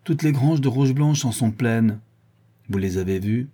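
A man voicing an angry, rabble-rousing village wheelwright in an audiobook, loud and goading. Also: mid-range voice, unhurried, breathy edge. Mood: scornful. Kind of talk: audiobook character reading.

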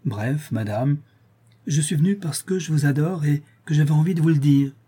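A man's voice: on the high side, normal speed, dark tone, slightly rough, pitched above the performer's own voice. A man reading an audiobook voices a vain, cheerful nobleman in a gallant, self-satisfied manner.

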